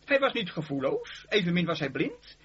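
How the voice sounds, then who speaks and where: A man preaching a sermon, emphatic, with dramatic pauses between short phrases. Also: sits high, wildly swooping pitch, fairly bright tone, breathy edge, dull audio. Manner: emphatic, rising and falling delivery with dramatic pauses.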